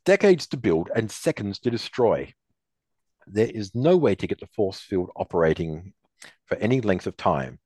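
A man's voice: lowish voice, big pitch swings, normal speed, a little mellow, slightly rough, no echo. An arrogant young genius talks down to others in short, cool phrases. A man reads him close to his own voice. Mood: condescending. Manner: condescending, curt.

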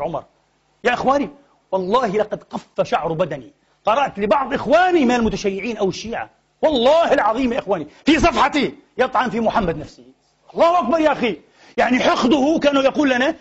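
Fiery husky-voiced preacher. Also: male voice, very high-pitched. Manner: impassioned, rising to exclamations; mixes formal Arabic with colloquial Levantine phrases. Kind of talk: Friday sermon. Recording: dull lo-fi MP3 sermon recording.

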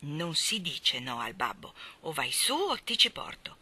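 A firm, measured young husband of the old school, read by a woman. Bright and clear tone, fairly low for her, in a storybook reading. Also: very animated, exaggerated voice. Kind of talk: audiobook reading.

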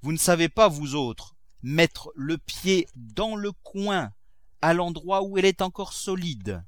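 A man's voice: on the high side, animated, slow pace, no room sound, voice pushed up. A man reading a classic novel aloud, voicing a bluff, commanding old miser who was once a cooper. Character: old miserly former cooper, gruff master of the house.

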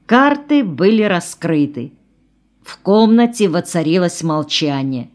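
Female audiobook narrator, slow, calm, measured, slightly low voice. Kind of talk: scripted narration.

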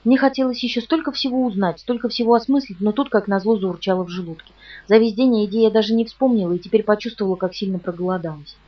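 A woman narrating an audiobook in the first person with a brisk, steady reading. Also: medium pitch. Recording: dull lo-fi audio from a distance, with music underneath.

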